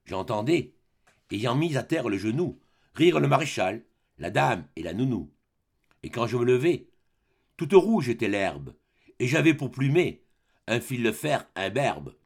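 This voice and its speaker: A man's voice: medium pitch, very animated, unhurried, gravelly, long pauses, husky, heavily acted. A man reading the part of a boastful old grenadier sergeant, declaiming rhythmic verse in a dramatic reading of a play. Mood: storytelling.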